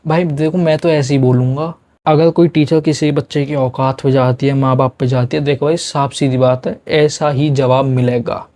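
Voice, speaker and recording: A young man telling a story from his school days in a casual, animated way, mixing in English phrases. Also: medium pitch, normal speed. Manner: animated, heated retelling with Hindi-English code-switching.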